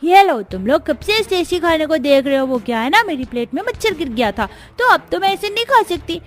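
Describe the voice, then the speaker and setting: A woman's voice: high-pitched, sing-song, a little fast. A woman voicing a spoiled, taunting six-year-old rich girl in a cartoon story. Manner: taunting, condescending. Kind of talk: cartoon voice acting.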